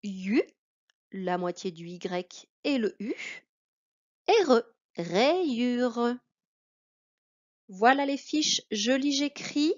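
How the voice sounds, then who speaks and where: A woman with a French accent teaching a reading lesson to a child, speaking slowly and carefully. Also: medium pitch, expressive. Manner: slow, careful, addressing a child. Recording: dull lo-fi recording.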